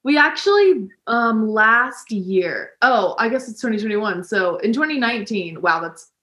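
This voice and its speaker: A woman's voice: fairly high pitch, lively intonation, a little slow, bright, forceful tone, echoey room. A woman in her twenties, a professional dancer, chatting casually as a guest over a video call from a living room. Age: 20s. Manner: chatty, laughs while talking. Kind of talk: casual interview chat. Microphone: video call webcam.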